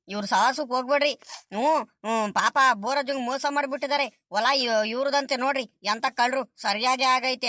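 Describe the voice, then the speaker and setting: A woman's voice: sits high, pushed and bright, dry recording, studio quality. Woman voicing a fretful fawning male servant. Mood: pleading. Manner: fretful, pleading, whiny.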